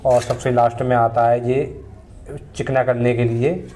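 Outdoors in a paved courtyard, a mason in his thirties who hosts a channel casually shows his building tools laid on the ground, pointing at each in turn as he explains them plainly and unhurriedly. His voice is medium-pitched and level, recorded on a phone with a lot of noise.

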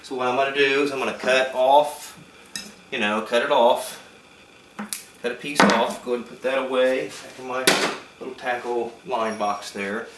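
A man, a fishing captain, giving a casual how-to demonstration alone at a table, talking in a relaxed, rambling way full of fillers and restarts. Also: medium pitch, moderate pace. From east central Florida. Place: indoor room at a table, filming alone. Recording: echoey room, faint background hum.

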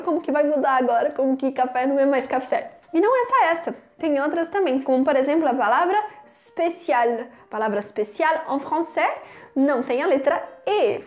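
A young Brazilian woman with a Brazilian Portuguese accent, chatting casually as she teaches French pronunciation. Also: sits high. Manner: chatty, explains with lively examples. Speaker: French teacher, channel host. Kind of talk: casual video lesson.

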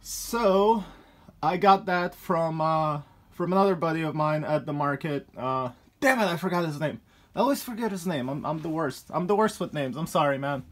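A man in his thirties gives a casual tour of his toy pickup collection, filming on a phone as he walks the cluttered room. His slightly high, fairly bright voice moves at a moderate pace, peppered with ums, uhs and chuckles as he rambles.

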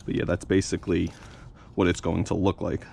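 There's slight background noise as a young man with a deep, creaky voice speaks a little fast. Hosting his fishing channel from an outdoor workbench, he casually walks through a hands-on demo, filling gaps with "you know" and "uh."

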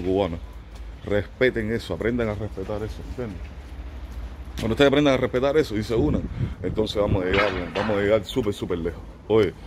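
A man's voice: on the low side, darkish tone, slight background noise. A middle-aged man vlogging casually while he walks city streets, chatting to his viewers as family. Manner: chatty, addresses viewers as family, mixes in English and German. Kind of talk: casual walking vlog. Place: outdoors on city streets, then a shop. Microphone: phone held at arm's length.

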